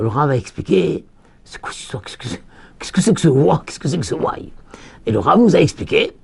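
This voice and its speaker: A man teaching a Torah lesson with a high, gravelly voice that swings wildly in pitch. His telling is animated and dramatic, breaking into sudden shouted cries. The tone is husky rather than clean. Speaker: rabbi.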